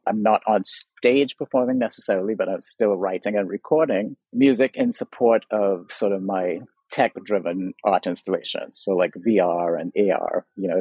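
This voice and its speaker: A husky, slightly low-voiced man in his fifties talks through an interview in a thoughtful, earnest way. His voice is recorded close and dry, with no room around it. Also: darkish tone, no room sound, low-quality recording. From Trinidad. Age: 50s. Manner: thoughtful, earnest, leans on "sort of" and "you know". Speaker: guest artist. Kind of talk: reflective interview talk.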